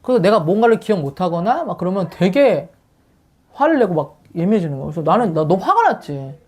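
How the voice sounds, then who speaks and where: Male pastor, easygoing storyteller, lively intonation. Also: high voice, fast, slightly rough. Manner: animated storytelling with frequent fillers. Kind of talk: casual chat.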